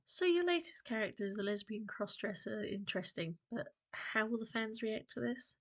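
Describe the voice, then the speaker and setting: Company boss, as a croaky woman reads the part; gravelly storybook read. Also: on the high side, expressive, normal speed, dry recording. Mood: skeptical. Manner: read plainly without doing a voice.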